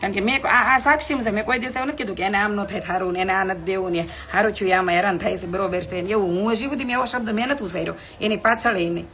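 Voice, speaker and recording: A woman's voice: medium pitch, rapid-fire, hardly any pauses, a bit bright. A middle-aged woman, chatting bluntly with viewers on a phone live stream, scolding and preaching.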